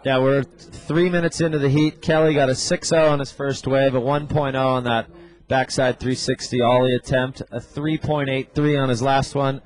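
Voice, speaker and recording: This is a man working as a surf contest announcer, calling the action live. His voice sits at an average pitch, and he talks conversationally, with relaxed surfer slang mixed into the scores and play-by-play. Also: normal speed, poor audio.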